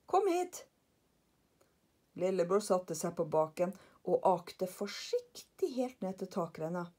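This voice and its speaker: An older woman reading a children's book aloud to her grandchildren, expressive and sometimes dropping to a hush. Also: on the low side, breathy edge. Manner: expressive, warm storytelling, hushing for quiet scenes.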